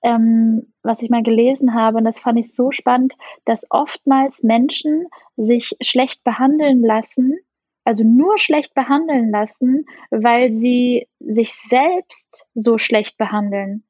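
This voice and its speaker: A woman with a slightly high voice talks earnestly about personal growth in encouraging self-help phrases. The recording is dry and a bit muffled and lo-fi. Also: fairly even intonation, takes it slowly, mellow, husky, dry recording. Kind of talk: casual conversation. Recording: slightly dull lo-fi sound.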